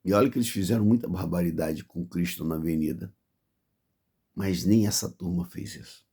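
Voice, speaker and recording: A man's voice: low-pitched, moderate pace, warm tone, breathy edge. A man with a Brazilian accent preaching a fervent sermon of warning, piling up repeated phrases.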